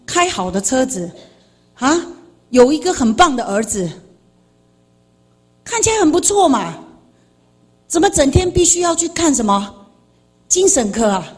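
A middle-aged woman giving a personal testimony in church, telling her story animatedly, now loud and now quietly confiding. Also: high voice. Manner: animated, swings between loud outbursts and quiet confession. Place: church sanctuary.

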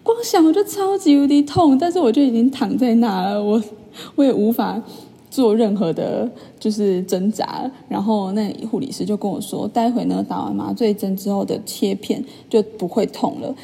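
A young woman chats through a story for her vlog, full of fillers and animated asides. Her voice is mellow and husky with a gravelly edge of fry. A long reverb trails after her words. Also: medium pitch, normal speed. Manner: chatty, animated retelling with many fillers. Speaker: vlogger. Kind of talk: casual storytelling monologue.

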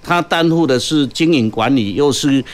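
A man with a Taiwanese Mandarin accent explains as an interview guest, in halting short phrases dotted with sentence particles. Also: medium pitch. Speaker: guest, port company executive.

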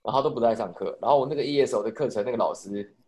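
A young man with a Taiwanese Mandarin accent tells a long, rambling story to friends on a podcast. He talks fast at a middle pitch. He restarts his sentences and swears casually as he goes. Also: warm tone. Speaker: podcast co-host telling a story. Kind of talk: casual chat.

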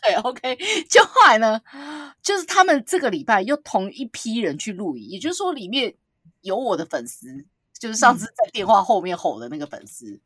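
A woman telling a long, animated story on a podcast, acting out what people said and often laughing. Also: mid-range voice, normal speed, no room sound, clean studio sound. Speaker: podcast co-host. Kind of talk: casual storytelling chat.

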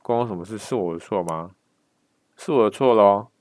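A man's voice: on the low side, a little fast, a little mellow, no echo, clean studio sound, natural voice. A man voicing an angry male army duty officer who barks scolding questions.

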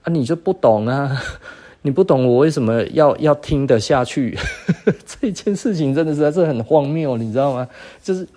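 A man's voice: mid-range voice, animated, normal speed, mellow. A man with a Taiwanese Mandarin accent, a podcast host telling a story in a profane, scornful way and laughing often. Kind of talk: casual storytelling rant.

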